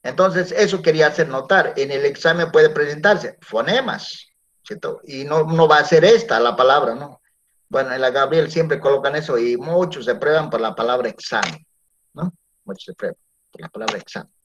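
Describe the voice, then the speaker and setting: This male teacher speaks at normal speed with a fairly high, fairly bright voice during a classroom lecture. He frequently uses tag questions to check in with students, captured in a dull lo-fi recording.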